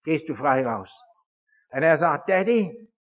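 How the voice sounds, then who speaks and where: Husky high-voiced man preaching, echoing hall. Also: a little slow. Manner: animated storytelling that acts out dialogue. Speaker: speaker addressing an audience. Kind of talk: religious lecture. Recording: dull, lo-fi recording in an echoing hall.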